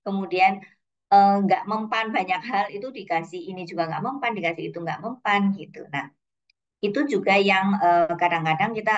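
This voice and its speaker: A woman's voice: mid-range voice, brisk. A woman hosting an online parenting session, speaking in a chatty way with many fillers. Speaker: host and moderator. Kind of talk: moderating a parenting webinar. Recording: dull lo-fi call audio.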